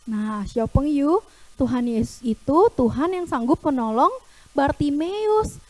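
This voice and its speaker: A young woman teaching Sunday school over a video call, telling a children's story with lively, animated delivery. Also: sits high, a little slow, no echo. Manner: animated, acts out characters' lines.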